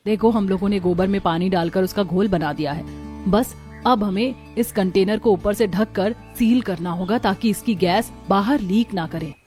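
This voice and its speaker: In scripted cartoon dialogue set in a village, a woman voices a confident eldest daughter-in-law who explains things in an assured, instructive way. Her voice is medium-pitched and mellow at a normal speed, lightly acted, with faint music behind her.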